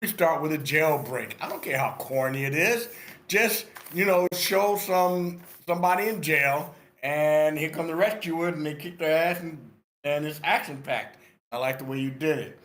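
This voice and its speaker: An older man taking part in script feedback offers casual, blunt and enthusiastic critique during an online meeting, speaking indoors. His voice is a bit bright and a little high, at a moderate pace, and the call audio is roomy and echoing.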